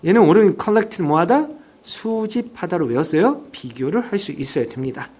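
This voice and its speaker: A teacher giving a recorded vocabulary lesson, reading example sentences slowly and having listeners repeat each word. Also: medium pitch, lively intonation, dark tone. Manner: reads example sentences slowly, then drills words for repetition; explains in plain, chatty teacher talk.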